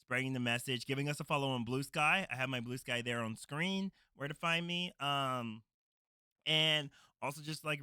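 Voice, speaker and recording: A man's voice: medium pitch, sharp tone, clean tone, no echo, studio quality. A man hosting a livestream with casual, upbeat, appreciative chat in an informal manner. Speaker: streamer, host.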